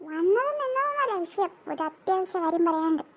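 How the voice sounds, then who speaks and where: Voiced by a performer, a jumpy cartoon boy who stammers and rushes his words in a very high, animated voice. A faint hiss runs behind him. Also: heavily acted, poor audio. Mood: urgent. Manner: stammering and urgent. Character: jittery young boy Vasu, easily scared.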